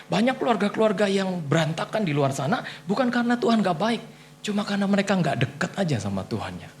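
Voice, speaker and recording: A man's voice: fairly high pitch, vocal fry, a little hiss or hum. A male pastor preaching a humorous sermon, telling jokey stories and acting out the voices of the people he quotes. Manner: joking storyteller, acts out voices in quotes. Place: church.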